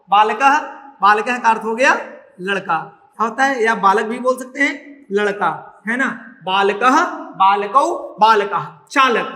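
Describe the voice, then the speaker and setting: A male Sanskrit teacher giving a classroom lesson, repeating each word slowly and quizzing his pupils with questions. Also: very high voice, sharp tone. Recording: echoey room.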